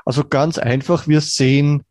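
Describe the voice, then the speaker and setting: A man in his forties with a Viennese accent, a brain researcher calmly explaining things as an interview guest. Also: fairly high pitch, no echo, clean studio sound. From Vienna, Austria. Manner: measured, calmly explaining with examples.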